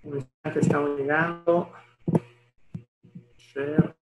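A middle-aged Italian man, deputy director at an international organisation, gives a formal presentation in a language not his own, often hunting for words. His voice sits on the high side and his delivery is flat and slow, with soft music behind him. He speaks through a headset on a video call that carries a roomy echo.

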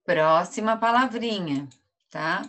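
This online lesson for first graders is led by a Brazilian woman whose lowish voice sounds animated and fairly bright at a slow pace. She pronounces each word syllable by syllable, her accent Brazilian Portuguese.

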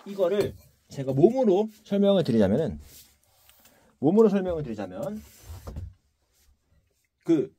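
A man teaching a Korean wind instrument in a practice room, repeating key words and breaking into loud demonstration shouts. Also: high voice, slightly rough. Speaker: taepyeongso teacher. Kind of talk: instructional video lesson.

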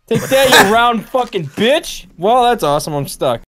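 A man's voice: very high voice, big pitch swings, moderate pace, background noise. A man swearing and joking crudely with friends during a game. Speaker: gaming friend. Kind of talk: casual gaming chat with friends. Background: game music.

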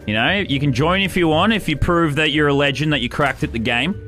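A man talking through a deep pitch-shifting voice changer, chatting in a laid-back, slangy, chummy way as a player in online game voice chat. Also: fairly quick, sharp tone, soft background music.

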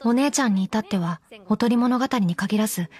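An actress voicing a deadpan undead doll girl who teases dryly in an in-character anime commentary. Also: a little high, fairly quick, natural voice. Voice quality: flat, emotionless delivery. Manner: teasing, dry deadpan jokes. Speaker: commentary co-host.

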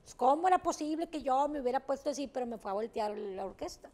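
A woman's voice: sits high, lively intonation, quick pace, darkish tone. A woman telling stories as a talk show guest, blunt and emphatic, swearing casually as she talks. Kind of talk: candid interview storytelling.

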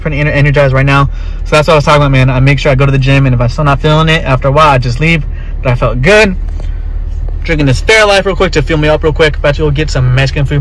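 A tired vlogger in his twenties, feeling off, talks to camera from the driver's seat of a parked car, holding his phone at arm's length. His medium-pitched, slightly bright voice runs fast and loose and laid-back, full of slang, constant "bro," and casual swearing. Audio quality is poor, with a faint hum of the car and outside traffic underneath.

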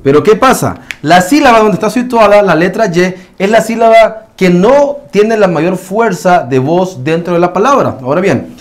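Higher-voiced man teaching pronunciation. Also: animated. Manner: explanatory, with frequent check-ins and slow modeled words. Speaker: English teacher. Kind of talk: pronunciation lesson.

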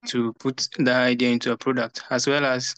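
A man from Ghana giving a candidate statement on a video call, with steady, formal phrasing. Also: medium pitch, a little fast, clean tone, dry recording. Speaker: election candidate. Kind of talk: online meeting statement. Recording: dull dry video-call audio.

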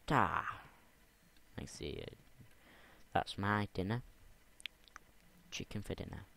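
A young man with a deep, gravelly voice chats through his game session at an unhurried pace. He rambles, mutters and repeats words under his breath as he plays. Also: very animated, sharp tone. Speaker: gamer. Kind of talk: game commentary.

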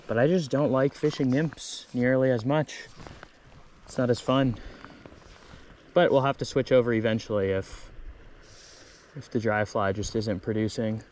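A young man chatting casually to his camera outdoors by a river, relaxed and self-deprecating. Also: medium pitch, a little slow, pauses often, slight background noise. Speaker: vlogger. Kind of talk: casual outdoor vlog narration. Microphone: action camera, handheld or chest-mounted.

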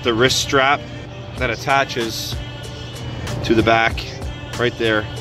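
A man's voice: medium pitch, steady tone, takes it slowly, music in the background. A man in his thirties, an HVAC technician, talking casually and plainly as he walks viewers through a tool demo step by step.

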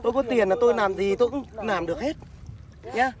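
A man's voice: high voice, quick pace, distant mic, natural voice. A man voicing an arrogant, rich male skeleton who taunts his ex-lover and brags about money, in a fan audio drama. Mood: sneering. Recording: noisy homemade recording.

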